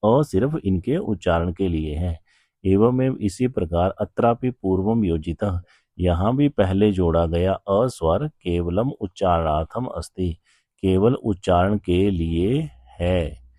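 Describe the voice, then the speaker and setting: A man's voice: low voice, expressive, mellow, no room sound, studio quality. A man teaching a grammar lesson, explaining step by step and often asking questions before answering them. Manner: slow, patient explaining with frequent rhetorical questions. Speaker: Sanskrit teacher.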